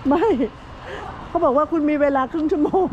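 A woman's voice: sits high, steady tone, fairly quick, dull audio, noisy background. A woman vlogging on a road trip, chatting casually and asking curious questions. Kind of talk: casual travel vlog chat. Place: sushi shop. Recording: roomy sound, loud background music.

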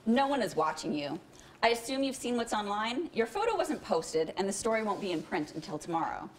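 A woman's voice: medium pitch, sing-song, a little fast, a little hiss or hum, lightly acted. A woman reading as a smug young hacker. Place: bookstore event.

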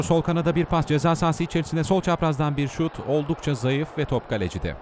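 A man giving football match highlights commentary as a voice-over, lifting his voice for shots and goals. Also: a little mellow, a little hiss or hum.

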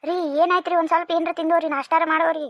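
A woman's voice: very high-pitched, level tone, very fast, no room sound. Woman voicing a pleading young wife. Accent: North Karnataka Kannada. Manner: pleading, soft-spoken. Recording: dry, dull lo-fi sound.

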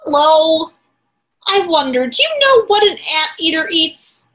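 A woman's voice: very high-pitched, big pitch swings, measured pace, sharp tone, voice pushed up, heavily acted. A woman voicing a polite, hungry young anteater who apologizes and asks questions, read aloud from a picture book.

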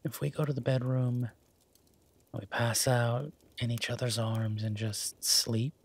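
In an intimate romantic audio roleplay, a man plays a tender, teasing, easygoing werewolf boyfriend, murmuring softly in a husky voice. His mid-range delivery is flat and a little slow, with a tender, reassuring mood.

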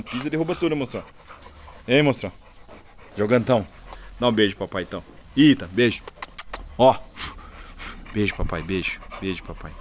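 A man with a Brazilian accent, filming his dogs outdoors on a phone and coaxing them playfully. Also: a little hiss or hum. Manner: playful, coaxing, calls the dogs in high bursts. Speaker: dog owner and breeder. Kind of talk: casual vlog talking to his dogs.

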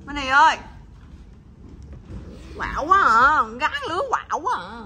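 Bright, high woman. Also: very animated, a little slow, slight background noise. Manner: teasing, coaxing, laughs often. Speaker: pet channel host. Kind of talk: casual chat to her pets.

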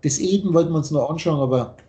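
A man's voice: fairly high pitch, quick pace, warm tone. A man teaching on a video call, lecturing insistently and spelling out letters as he explains. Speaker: spiritual teacher.

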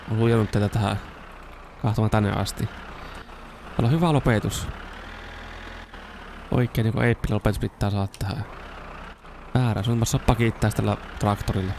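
A young man giving casual let's-play commentary, chatting to himself as he plays and now and then bursting into excited shouts. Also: on the low side, a little hiss or hum. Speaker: gaming YouTuber.

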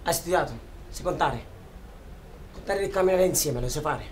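An actor playing a young Sicilian man raging against the mafia, swinging from bitter quiet to shouting. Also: fairly high pitch, moderate pace, a little hiss or hum, natural voice. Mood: bitter, sarcastic. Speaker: auditioning actor. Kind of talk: dramatic audition monologue.

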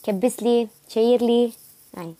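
A woman's voice: fairly high pitch, steady tone, moderate pace, warm tone. A young woman with an Iraqi Arabic accent, feeling sick, chatting casually with viewers on a livestream and answering their comments. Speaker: livestream host. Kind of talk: casual live chat with viewers.

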